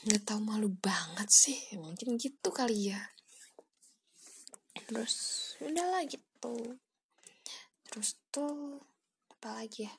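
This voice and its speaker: A seventeen-year-old girl hosting a casual solo podcast from home, rambling softly in a half-whisper with lots of fillers. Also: fairly high pitch, animated, slow, pauses often, noisy background. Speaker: podcast host.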